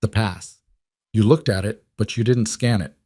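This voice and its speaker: An unflappable middle-aged businessman, played by a male narrator, stating things quietly and flatly, without heat or volume. His voice is low and dry. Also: moderate pace, dry recording, lightly acted.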